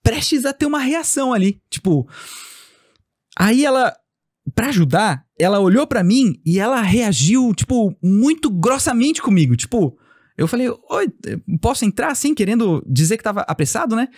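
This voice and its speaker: Lively man telling a story. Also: sits high, moderate pace, no echo, studio quality. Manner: animated storytelling, acts out quoted dialogue. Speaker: podcast guest, company founder. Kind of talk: casual interview talk.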